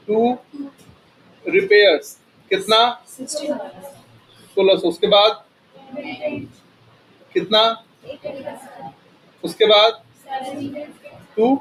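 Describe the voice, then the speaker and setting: A man teaches a classroom lesson. He fires a steady stream of questions at his students and then answers them himself. Faint noise hangs behind him. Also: sits high, rough recording. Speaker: accounting teacher. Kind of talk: classroom lecture.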